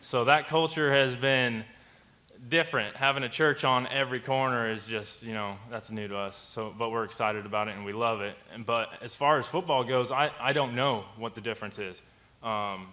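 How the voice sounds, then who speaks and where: A man's voice: medium pitch, normal speed, bright, forceful tone. A man from Montana chatting casually in an interview, rambling and restarting sentences.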